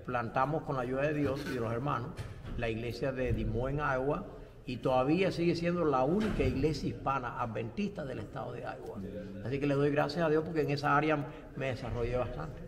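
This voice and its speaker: A man's voice: medium pitch, a little fast, creaky, in a large hall, a crowd in the background. An older man from Cuba, a pastor and theology professor, answering interview questions in a reflective way with light self-deprecating humor. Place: studio set with bright backdrop.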